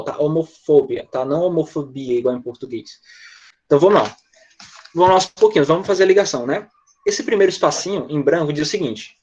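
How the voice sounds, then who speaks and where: Patient male teacher, higher voice, online class, dull lo-fi audio. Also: a little mellow. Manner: patient, checks in often with "tá?" and "né?". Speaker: English teacher.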